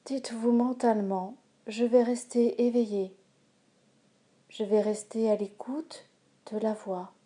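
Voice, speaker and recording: A woman instructor guides a yoga nidra relaxation with calm, measured, soothing instructions broken by pauses. Her voice sits on the high side.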